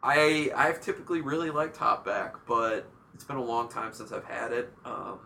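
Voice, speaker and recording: Guy hosting a beer podcast, bright voice, kinda rambly, light hiss behind. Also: mid-range voice, creaky. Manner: rambling, chatty, quick asides. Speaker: podcast host. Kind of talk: casual chat, beer tasting.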